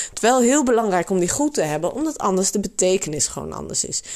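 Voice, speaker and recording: A woman hosting a language podcast, teaching patiently and repeating phrases with hesitant fillers. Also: medium pitch. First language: Dutch.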